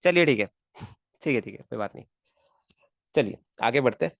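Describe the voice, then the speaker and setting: A man's voice: mid-range voice, expressive, brisk, gravelly, no room sound, clean studio sound. A man teaching a live online physics class, chatting to his students and muttering to himself while he draws.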